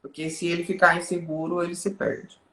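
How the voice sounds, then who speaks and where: A woman's voice: lowish voice, little pitch movement, fairly quick, fairly bright tone, echoey room. A woman speaking as a guest on a live stream, explaining in a teaching way and often checking in with the listener.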